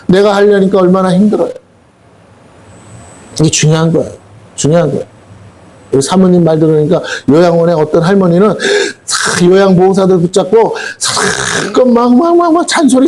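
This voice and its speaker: High-voiced male pastor preaching folksy. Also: a little mellow. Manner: folksy, colloquial preaching with rhetorical questions and acted-out quotes. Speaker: senior pastor. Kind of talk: sermon. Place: church sanctuary.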